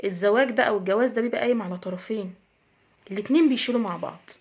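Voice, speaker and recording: A woman's voice: mid-range voice, rapid-fire, a little mellow. A woman with an Egyptian accent, hosting an advice talk for women, speaking earnestly and emphatically with a lot of repetition. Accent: Egyptian Arabic. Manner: earnest, emphatic, lecturing with repeated phrases. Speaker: host giving advice to women. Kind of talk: direct-address advice talk.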